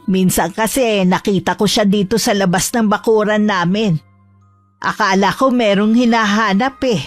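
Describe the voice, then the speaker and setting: A woman voicing a secretive old grandmother who speaks calmly and politely, with faint music behind. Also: medium pitch, normal speed, no room sound, lightly acted. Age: older. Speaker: customer.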